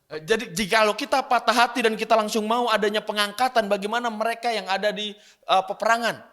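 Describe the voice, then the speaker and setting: A man's voice: high-pitched, steady tone, fairly quick, pushed and bright. A man interpreting a sermon live, relaying each phrase promptly with small fillers.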